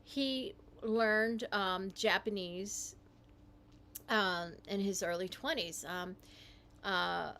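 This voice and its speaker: A woman hosting a livestream, talking in a meandering, halting way, often correcting herself as she types. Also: medium pitch, fairly even intonation, bright, forceful tone, slight background noise. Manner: typing while talking. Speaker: livestream host. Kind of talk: rambling livestream monologue.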